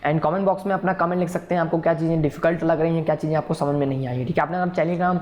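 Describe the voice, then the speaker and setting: A man's voice: on the high side, steady tone, very fast, darkish tone, a little hiss or hum. A man teaching a programming class in a recorded tutorial, explaining patiently and checking in with listeners often. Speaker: programming instructor. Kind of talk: recorded coding tutorial lecture.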